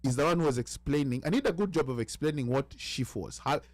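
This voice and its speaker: A man's voice: medium pitch, quick pace, dry recording. A man in a casual panel discussion, explaining at length and restarting often as he searches for words.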